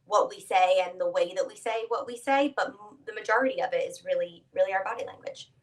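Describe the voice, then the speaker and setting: A woman who teaches etiquette, guest on an interview show, explaining things in a measured, patient way. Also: medium pitch, far from the mic. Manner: measured, explanatory, speaks with her hands. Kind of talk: conversational interview.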